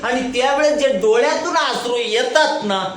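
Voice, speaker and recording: Background noise and echo fill the room as a man with a very high, slightly bright voice talks at normal speed. He's a pastor guiding a Bible study, throwing out questions to the congregation, supplying the answers, and asking "right?" again and again.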